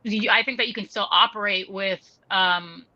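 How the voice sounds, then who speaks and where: A woman's voice: mid-range voice, steady tone, moderate pace, bright, forceful tone, no room sound, muffled recording. A woman co-hosting a podcast, arguing articulately in casual discussion with academic terms. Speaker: podcast co-host.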